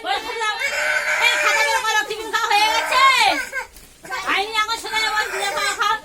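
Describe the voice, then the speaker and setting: A woman's voice: extremely high pitch, fairly even intonation, a little fast. A woman teacher in a busy classroom, coaxing and scolding a crying child with repeated commands. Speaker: school teacher. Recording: loud classroom crowd noise. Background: children crying and chattering.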